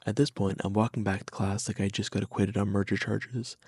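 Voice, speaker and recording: A man's voice: fairly low pitch, little pitch movement, brisk, darkish tone, husky, no room sound. A young man narrating a first-person story in a wry, slangy, scripted storytime style.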